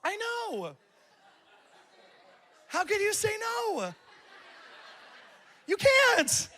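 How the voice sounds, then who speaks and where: A man's voice: extremely high pitch, huge pitch swings, very slow, pushed and bright, a little hiss or hum. A man in his thirties preaching a sermon at church, telling stories casually and laughing often. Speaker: pastor. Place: church campus.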